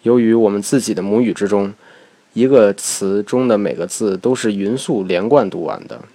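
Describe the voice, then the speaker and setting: A man whose first language is Chinese, giving a scripted lesson in a measured, explanatory way, slowing down to demonstrate words. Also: fairly low pitch, dark tone. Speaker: English teacher.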